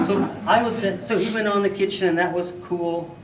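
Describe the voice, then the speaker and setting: A man giving a humorous storytelling speech at a contest, animated, with loud bursts for sound effects. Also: high-pitched, normal speed, slight background noise. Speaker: contest speaker. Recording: echoey hall, mic from far off.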